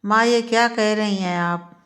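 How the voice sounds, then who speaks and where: A woman's voice: mid-range voice, fairly even intonation, a little slow, a bit bright, natural voice. A woman voicing a desperate young man in a spoken Hindi storybook, pleading with repeated questions. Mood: disbelieving.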